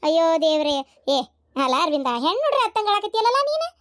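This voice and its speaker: A shrill, nagging older village aunt in a cartoon, voiced by a woman. She has a North Karnataka accent and a very high, piercing voice, and she rattles on at a fast clip. The recording is dry and close. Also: very animated, fairly bright tone, no echo, exaggerated voice. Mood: scolding. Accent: North Karnataka Kannada. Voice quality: shrill, scolding. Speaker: aunt at a childbirth. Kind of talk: cartoon voice acting.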